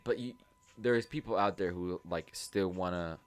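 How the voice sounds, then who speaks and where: Deep-voiced young man, rambling and tipsy. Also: normal speed. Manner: rambling, circles back with lots of fillers. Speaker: podcast co-host. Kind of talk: casual chat.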